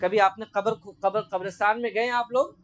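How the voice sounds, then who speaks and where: A man giving a sermon to a gathering, asking his listeners rhetorical questions and slowly reciting Arabic sayings before explaining them. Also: high-pitched, fairly even intonation. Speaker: Islamic preacher.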